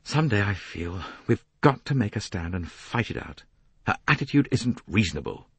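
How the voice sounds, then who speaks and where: For an audiobook, a man voices a young English gentleman who sounds boyish and earnest, a little blustery, and defensive. His British voice has a husky grain and big pitch swings, delivered at normal speed as a full character performance. The recording is close and dry with no room sound.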